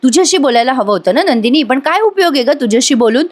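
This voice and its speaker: Hurt young husband, reproachful and heartfelt, in a fairly high voice, as a woman reads him. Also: animated, fast.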